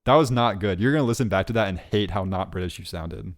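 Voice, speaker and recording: A man's voice: lowish voice, quick pace. A man co-hosting a podcast, chatting casually and teasing his co-host in joking banter.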